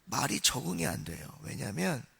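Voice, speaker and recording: A man's voice: medium pitch, sing-song, moderate pace, vocal fry, fairly bright tone, breathy edge. A man from Seoul preaching a Sunday sermon in a church, telling stories in a chatty way and speaking straight to the congregation. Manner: conversational storytelling, addresses the congregation. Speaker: pastor. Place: church sanctuary.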